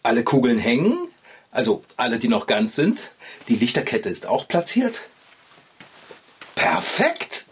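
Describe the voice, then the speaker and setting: A man voicing a kindly bicycle mechanic who gently scolds his cat and gets excited about Christmas. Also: mid-range voice, measured pace, long pauses, husky, full character voice. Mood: cheerful.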